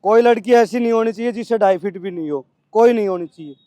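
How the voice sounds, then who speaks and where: Brisk, scolding Delhi coach, high voice. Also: male voice, mellow, no room sound. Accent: Delhi Hindi. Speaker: physical training coach. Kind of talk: coaching at outdoor practice.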